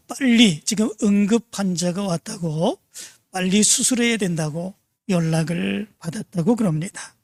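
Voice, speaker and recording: A preacher retells a moral story in a slow, hesitant way, stopping on little fillers. The voice is gravelly and dry, close to the mic. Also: medium pitch, no room sound. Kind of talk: devotional story sermon.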